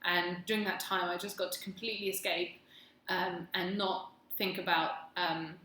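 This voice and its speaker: A woman's voice: on the low side, flat delivery, moderate pace, bright, forceful tone. A woman with a plummy English accent chats casually as a video blogger, rambling in a wry, self-deprecating way. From England. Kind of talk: casual chat to camera. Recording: echoey room, faint background noise.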